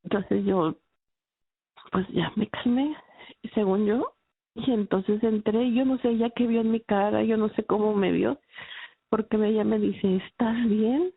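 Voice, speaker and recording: Woman, faith testimony, raspy fry, tinny phone-like sound. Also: medium pitch, steady tone, no echo. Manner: halting, emotional retelling with many restarts. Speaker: testimony speaker. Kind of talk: personal religious testimony. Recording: dry, phone-like narrow sound.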